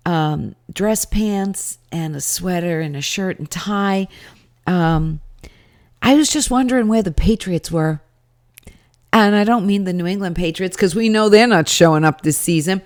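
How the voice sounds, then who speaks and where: A woman with a slightly low voice delivers casual commentary as a personal recap. She is chatty and opinionated, with a wry edge to the way she talks. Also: darkish tone. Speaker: rally attendee giving commentary.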